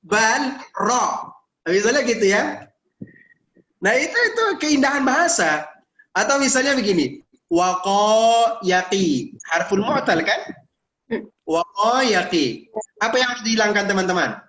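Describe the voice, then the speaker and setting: An Indonesian man teaching Arabic grammar in an online university lecture, lively and teasing, drilling his students with questions. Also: sits high, moderate pace. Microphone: video call. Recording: echoey room, dull lo-fi sound.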